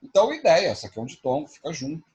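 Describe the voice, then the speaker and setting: A man teaching an online class, spelling out examples slowly. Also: a little high, sing-song, darkish tone, husky.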